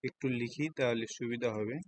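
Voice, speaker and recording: Teaching hiragana in Bengali, a man with a Bangladeshi accent patiently walks students through each step of a Japanese lesson and frequently asks if they understand. His voice is medium in pitch with fairly even intonation, and he speaks fairly quickly over a slight hiss or hum.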